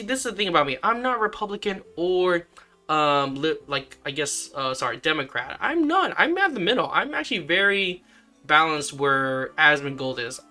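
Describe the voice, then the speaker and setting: A man talking in a casual commentary vlog, rambling with many fillers and sudden jumps up in pitch. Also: sharp tone. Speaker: vlogger.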